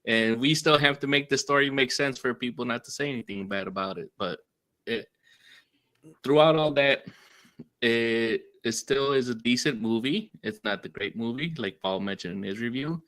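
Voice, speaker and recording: A man's voice: medium pitch, moderate pace, fairly bright tone. A man talking casually as a guest, rambling with many "like"s and "um"s. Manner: rambling, lots of fillers like "like". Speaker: podcast guest. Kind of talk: casual chat.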